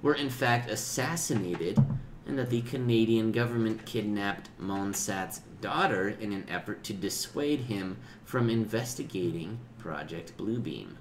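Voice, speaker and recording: A man co-hosting a casual cannabis podcast, clearing his throat often and stumbling over words as he reads a text aloud. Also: on the low side, animated, a little slow, slight background noise. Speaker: podcast co-host. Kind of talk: casual chat, reading aloud from a web page.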